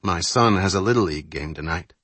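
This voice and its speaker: A calm grown man speaks evenly and quietly, low and reassuring, read by a male narrator. The audiobook sound is dry and close. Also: fairly quick, no room sound. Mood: steady.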